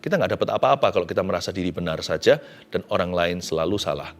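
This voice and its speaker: A man, a pastor, preaching a sermon in a conversational, animated way. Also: low-pitched, fast talker.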